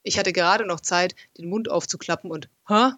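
A man reading a first-person adventure story aloud as an audiobook, in a lively, expressive storytelling manner. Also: high-pitched, a little fast, no echo. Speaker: narrator.

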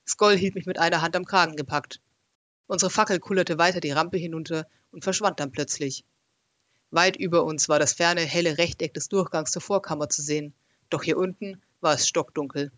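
Man, audiobook narrator, first-person story, expressive, lively, fairly high voice, dry close recording. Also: moderate pace, dry recording.

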